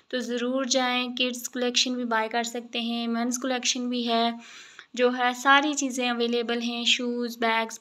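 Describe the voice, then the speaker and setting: A woman's voice: a little high, fairly bright tone. A woman talking through an unboxing of a dress set, chatty and enthusiastic as she shows each piece. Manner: chatty, enthusiastic sales talk. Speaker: fashion vlogger. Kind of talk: product unboxing voice-over.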